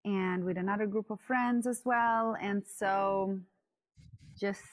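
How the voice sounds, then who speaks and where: A woman's voice: mid-range voice, steady tone, slow pace. A woman in her thirties with an Italian accent, a guest on a podcast who talks hesitantly with many fillers and restarts and laughs often. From Italy. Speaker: guest, coach. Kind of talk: casual podcast interview. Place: yurt at home.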